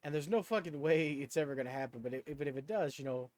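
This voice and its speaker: Fast-talking and fairly high-pitched, this streamer has a darkish tone. He keeps up a casual, self-conscious ramble while gaming, narrating his thoughts in the moment.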